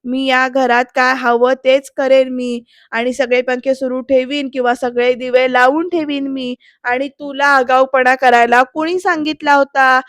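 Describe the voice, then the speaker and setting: A woman voicing a harsh, bullying middle-aged father who shouts slow, menacing threats, quoted in a TV episode recap. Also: sits high, flat delivery, no echo, lightly acted. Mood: furious. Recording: dull, lo-fi, dry sound.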